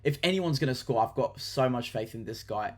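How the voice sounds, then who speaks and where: A young Australian football vlogger chats to camera about his fantasy football picks in a relaxed, talkative vlog. He speaks at an ordinary mid pitch with an animated, slightly dark tone, and his eager, loose delivery is full of ums and quick restarts.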